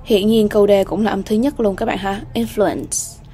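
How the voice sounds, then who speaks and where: A woman teaching an English exam-prep lesson, slowly repeating English words and often checking in with students. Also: mid-range voice, fairly even intonation, dark tone, slight background noise.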